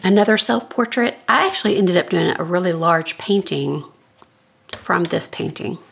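A middle-aged woman with a scratchy, creaky, fairly low voice gives a sketchbook tour, speaking at normal speed. Relaxed and thinking aloud, she flips through the pages in her home art studio indoors. An overhead camera films it, with her off-frame.

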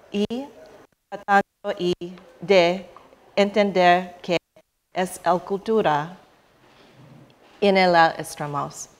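Slow, halting woman, American-accented Spanish. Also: mid-range voice. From Philippines, emigrated to Chicago in childhood. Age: middle-aged. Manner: halting, stumbling over Spanish words, slipping into English. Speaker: guest speaker. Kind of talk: prepared speech read to an audience. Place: indoor conference hall, panel table. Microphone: table conference microphone.

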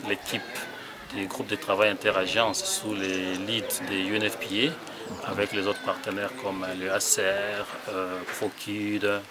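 A man's voice: lowish voice, little pitch movement, unhurried, very noisy. A middle-aged man from Congo working in humanitarian aid, answering interview questions outdoors with many hesitant fillers. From Democratic Republic of the Congo. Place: outdoors beside a brick building.

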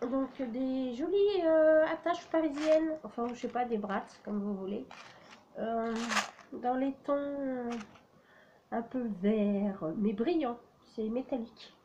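A woman's voice: fairly high pitch, takes it slowly, warm tone, lo-fi sound, slight background noise. A woman casually showing her flea-market craft finds, hesitant and full of "euh" and "voilà". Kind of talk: casual show-and-tell vlog.

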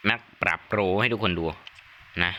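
A young gaming YouTuber does Thai let's-play commentary from a room at home during heavy rain, loud and excitable, cracking crude jokes and yelping often. He talks at a moderate pace. The audio is poor, with the rain clearly audible behind his voice.

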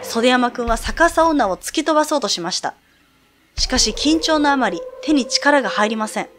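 Woman reading as a calm schoolboy storyteller. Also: sits high, normal speed, slight background noise. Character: male high school student telling a ghost story. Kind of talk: reading a sound novel's narration aloud.

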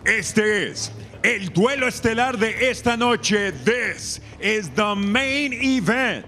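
A man working as a ring announcer in a dramatic lucha libre style, switching between two languages in a booming voice and stretching out names. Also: slow pace. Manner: alternates Spanish and English. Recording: loud music behind. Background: music.

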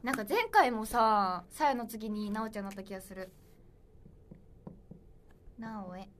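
A woman's voice: medium pitch, moderate pace, a bit bright, slight background noise. A young woman in her twenties hosting a solo livestream, chatting playfully and reading viewer comments aloud. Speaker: idol livestream host. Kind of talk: casual livestream chat.

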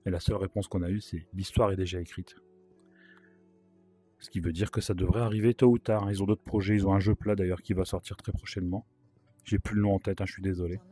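A man with a sore throat and a worn-out, hoarse voice gives chatty, casual commentary as he plays a video game, with wry asides. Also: deep voice, fairly even intonation, quick pace, mellow, soft background music. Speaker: gaming video host.

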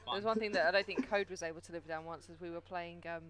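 A man in a casual group podcast chat, telling stories in an animated way and laughing often. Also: sits high, quick pace.

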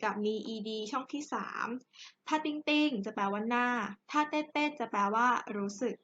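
A woman's voice: fairly high pitch, moderate pace, fairly bright tone. Chatty Thai woman teaching English. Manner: chatty, jokey teacher talk with students. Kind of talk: lesson. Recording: dull lo-fi recording.

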